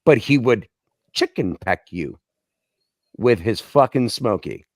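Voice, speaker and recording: A man's voice: on the low side, takes it slowly, no echo, studio quality. A male veteran telling boot camp stories in casual chat, blunt and full of profanity. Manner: heavy profanity, blunt and animated. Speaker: Marine veteran guest.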